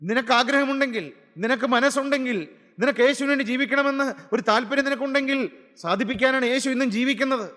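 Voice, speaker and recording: Male preacher with a high, bright voice, fervent sermon full of rhetorical questions, long hall reverb. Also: quick pace. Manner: impassioned, piling up rhetorical questions and repeated phrases. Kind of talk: gospel sermon.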